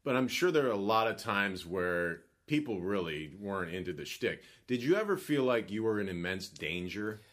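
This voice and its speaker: Male podcast host, lower voice, easy conversational interviewer. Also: animated, normal speed, few pauses, fairly bright tone. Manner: conversational, prompts with short questions and asides. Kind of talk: casual interview.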